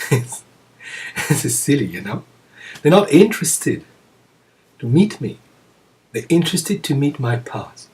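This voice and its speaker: A Zen teacher talks slowly and reflectively to his students, breaking often into pauses and quiet chuckles. His voice sits in a middle register, and the microphone picks it up from a little way off. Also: medium pitch, big pitch swings. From France. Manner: slow, reflective, with frequent pauses and soft chuckles. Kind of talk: dharma talk to students. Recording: voice picked up from a distance.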